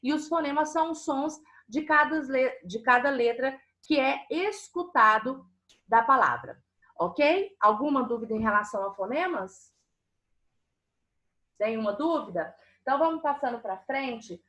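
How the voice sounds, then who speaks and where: Woman teacher, kinda high voice, online class for kids, keeps asking if they got it. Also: lively intonation, unhurried, a bit bright. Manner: patient, asks frequent check-in questions. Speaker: primary school teacher.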